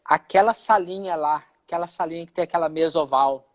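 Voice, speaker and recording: A man's voice: fairly high pitch, fairly quick, highs cut off. Earnest Brazilian man telling his testimony. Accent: Brazilian Portuguese. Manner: earnest storyteller who acts out quoted dialogue. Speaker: pastor. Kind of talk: personal testimony in a live conversation.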